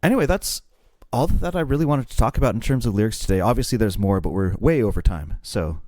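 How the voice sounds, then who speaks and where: A man's voice: on the low side, lively intonation, quick pace, mellow, dry recording, clean studio sound. A man co-hosting a podcast, explaining songwriting in a casual, self-deprecating way. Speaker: podcast co-host.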